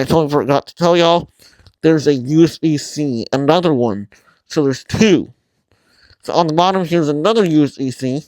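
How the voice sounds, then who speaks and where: A man hosting a casual tutorial vlog, talking informally and haltingly through a mask that muffles his mouth, often apologetic. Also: a little high, no echo. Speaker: video host.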